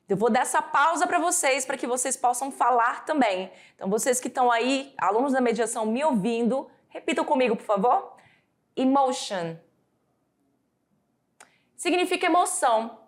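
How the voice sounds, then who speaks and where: A Brazilian woman teaching English vocabulary, slowly drilling words for students to repeat after her. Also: high-pitched, lively intonation. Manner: slow, drawn-out word drills for students to repeat. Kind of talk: recorded classroom lesson.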